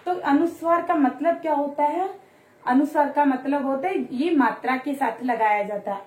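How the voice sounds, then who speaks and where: A woman teacher explains grammar to young children in a friendly, encouraging way. Her voice sits high and light, and she stretches out example words so the kids can follow. The recording carries a noticeable room echo. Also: a little mellow. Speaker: Hindi teacher. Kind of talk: online grammar lesson for children. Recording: roomy echo.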